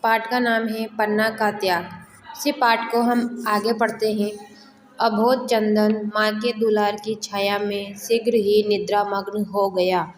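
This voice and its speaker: A woman teacher reading a textbook lesson to her class and explaining words in a measured way. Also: mid-range voice, little pitch movement. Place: school classroom. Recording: echoey hall, faint ambience.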